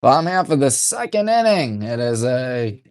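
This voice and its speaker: A man doing play-by-play radio commentary for a high school baseball game from a press box, folksy and partisan, keeping his voice deliberately restrained. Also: sing-song, smooth, dry recording, studio quality. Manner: folksy, chatty, partisan toward home team; deliberately restrained, hushed delivery.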